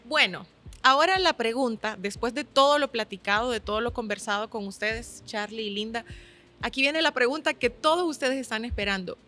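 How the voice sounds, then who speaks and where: Bright Honduran woman hosting. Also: a little high, brisk. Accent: Honduran Spanish. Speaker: podcast host. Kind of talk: conversational hosting.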